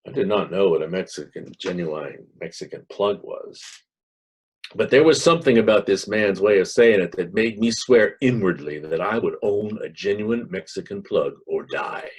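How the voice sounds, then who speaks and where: A man playing a wry, pompous humorist lecturer in a hammy, dramatic theatrical reading, with a husky voice. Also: low voice, expressive, normal speed. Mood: wry storytelling. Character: Mark Twain, wry pompous male humorist lecturer spinning tall tales.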